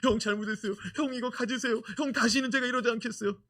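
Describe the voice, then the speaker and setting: A man's voice: very high-pitched, steady tone, quick pace, pushed and bright, pitched above the performer's own voice. A man voicing a young man desperately begging his older brothers for mercy. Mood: pleading. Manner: pleading, begging, near tears.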